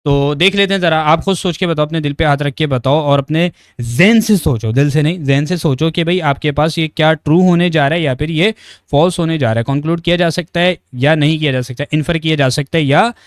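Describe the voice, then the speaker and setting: A young man giving an exam-prep lecture, coaxing his students along, checking in with them again and again, and reading English sentences slowly and deliberately. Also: a little high, clear, resonant tone, dry recording, clean studio sound. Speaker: teacher.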